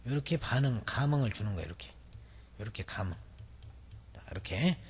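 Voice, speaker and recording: A man's voice: mid-range voice, expressive, fairly quick, slightly rough. A male instructor teaching a memory technique in a recorded video lecture, explaining step by step with many fillers. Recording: long hall reverb.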